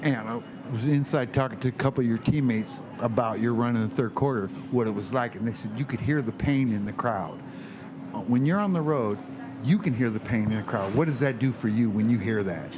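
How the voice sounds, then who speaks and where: Male sports reporter, clear background noise. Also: mid-range voice, fairly quick. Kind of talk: press conference question. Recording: noisy room ambience.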